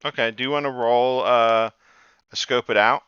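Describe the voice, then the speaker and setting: A man running a tabletop game as game master, halting with fillers, on a dull, lo-fi recording. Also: medium pitch, steady tone, fairly bright tone, a little hiss or hum. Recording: dull lo-fi dry sound.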